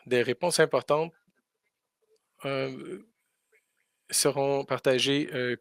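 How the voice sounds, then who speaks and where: A man's voice: mid-range voice, no echo, studio quality. A man doing live spoken interpretation for a school farm tour, hesitating often with fillers and restarts.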